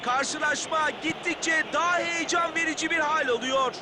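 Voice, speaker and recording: A man calling a football match play by play, raising his voice to shouts on attacks and goals. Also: very high-pitched, steady tone, normal speed. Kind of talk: excited match commentary. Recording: loud stadium crowd noise over commentary. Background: roaring stadium crowd.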